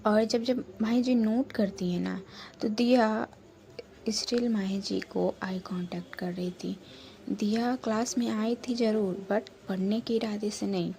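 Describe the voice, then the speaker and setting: Mellow-voiced woman telling a story. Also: mid-range voice, steady tone, slow, vocal fry. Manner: chatty, repetitive framing of who says what. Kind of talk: casual storytelling narration.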